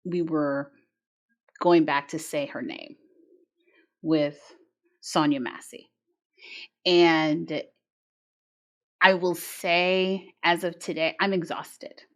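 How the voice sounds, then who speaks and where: A woman co-hosting a podcast in casual chat, animated and quick to laugh. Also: low-pitched. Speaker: podcast co-host.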